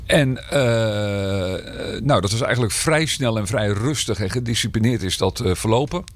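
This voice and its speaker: Nursing a slight cold and a rough throat, a man who serves as mayor answers podcast interview questions hesitantly, full of fillers and restarts. He speaks a little slowly in a fairly low voice.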